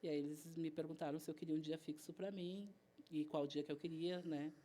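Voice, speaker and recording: A woman guest chef with a southern Brazilian Portuguese accent chats through stories in a casual interview, acting out snippets of dialogue as she retells events. Her low-pitched voice is brisk and mellow with fairly even intonation.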